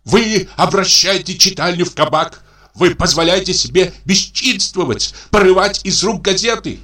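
A man voicing a pompous, indignant bank director who talks in a high, outraged, stiffly formal way. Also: moderate pace, bright, forceful tone.

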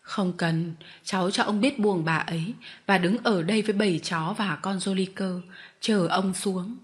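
A woman's voice: mid-range voice, moderate pace, close to an everyday voice. A woman doing a stern old showman. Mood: curt. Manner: curt, commanding. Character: stern old male street-show master.

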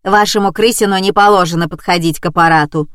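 A woman voicing a rude, loud middle-aged morgue receptionist who barks at callers. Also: lowish voice, steady tone, quick pace, dry recording, clean studio sound, lightly acted. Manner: barking, rude.

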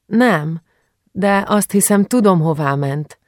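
A man's voice: high voice, expressive, dry recording, studio quality, pitched above the performer's own voice. A man doing a timid teenage girl. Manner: hesitant, soft-spoken.

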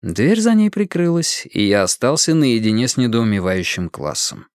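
A man reading an audiobook in a measured, dramatic storytelling manner. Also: mid-range voice, big pitch swings, dry recording, studio quality. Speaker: audiobook narrator. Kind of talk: audiobook narration.

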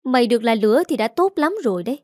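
Brief: woman reading as a scolding forties stepmother, scornful, nagging, slightly raised pitch, dry read. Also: expressive, rapid-fire, a little mellow, no echo, natural voice. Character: scolding middle-aged stepmother, sharp-tongued.

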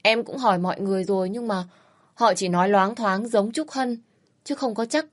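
A woman voicing an anxious young woman who answers quickly and eagerly, in a storybook reading. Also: mid-range voice, close to an everyday voice. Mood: worried. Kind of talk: storybook narration.

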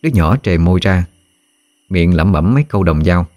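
A man narrating a story in a calm, measured storytelling voice. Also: deep voice, faint music behind.

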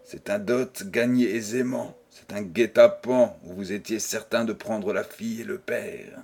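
A man's voice: lowish voice, steady tone, measured pace, gravelly, darkish tone, slightly rough, heavily acted. A man reading an audiobook voices a proud old baron who scolds a young man with stiff, formal indignation. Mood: indignant. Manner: indignant, stiff and formal, then coldly businesslike. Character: stern proud old male baron, outraged.

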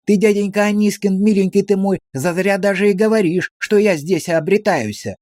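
A man's voice: sits high, sing-song, a little fast, darkish tone, husky, no room sound, clean studio sound, pitched above the performer's own voice, full character voice. A man putting on a fawning, wheedling village woman. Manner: sing-song pleading, coaxing endearments.

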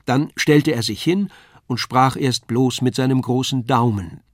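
A man reading a classic novella aloud in measured storytelling narration. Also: medium pitch, no echo, studio quality. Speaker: reader.

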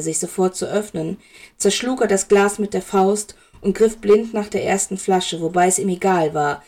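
A woman narrating a fan fiction audiobook with steady, expressive storytelling. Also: mid-range voice, vocal fry.

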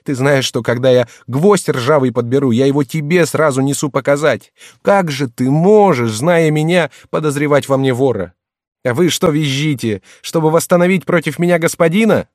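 A man's voice: fairly low pitch, normal speed, a little mellow, no echo, studio quality, natural voice. A man reading an audiobook and voicing a young male servant who is tearful and wrongly accused, pleading in a strained, raised voice. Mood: anguished.

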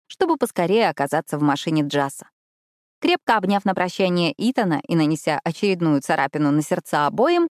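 Expressive female audiobook narrator. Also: lowish voice, no echo, studio quality. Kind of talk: first-person audiobook narration.

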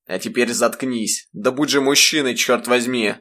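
A man's voice: fairly low pitch, fairly even intonation, moderate pace, a bit bright, lightly acted. A man voicing a hot-tempered, brutal father who barks harshly in an audiobook. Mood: furious. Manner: barking, harsh.

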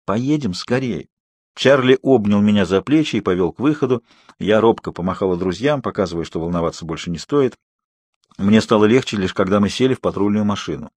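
A man narrating an audiobook in a steady, measured storytelling manner. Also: fairly low pitch, no echo. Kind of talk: scripted narration.

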